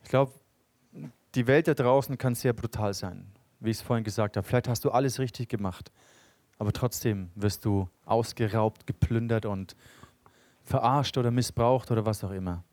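A man's voice: medium pitch, moderate pace, darkish tone, no echo. Earnest young man preaching a sermon. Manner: earnest, builds in emphasis, reads scripture aloud.

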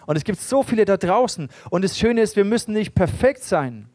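A man preaching a sermon at a church service, earnestly asking the congregation direct questions and swinging between emphatic and quiet passages. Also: animated, brisk, no echo. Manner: swings between raised, emphatic lines and quiet, low ones.

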